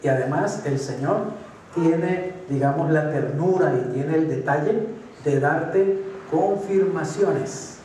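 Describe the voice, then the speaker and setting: A man's voice: a little high, takes it slowly, warm tone, a little hiss or hum. A man with a Colombian accent preaching a conversational sermon, often checking that his listeners follow. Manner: conversational, asks for assent, acts out voices. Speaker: pastor. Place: church hall. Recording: echoey hall, distant mic.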